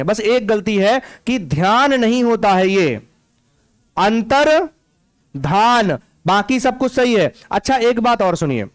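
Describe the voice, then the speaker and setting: Man, Hindi teacher, exam-prep lesson, keeps quizzing students, high clear voice, dry close sound. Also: no room sound. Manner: repetitive, drilling with questions to students.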